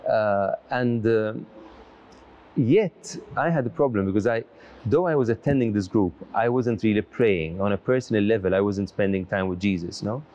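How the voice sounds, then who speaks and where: A middle-aged Maltese priest and lecturer answers interview questions while seated in a large church, earnest and reflective, often restarting his sentences. His voice is on the low side and darkish, at normal speed, and the audio sounds dull.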